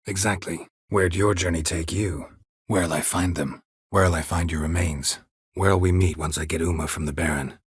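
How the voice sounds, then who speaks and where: An actor playing a stoic, world-weary monster hunter in a video game, with a gravelly, husky voice and terse, dry, deadpan delivery. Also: male voice, low voice, moderate pace, no room sound. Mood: guarded, probing.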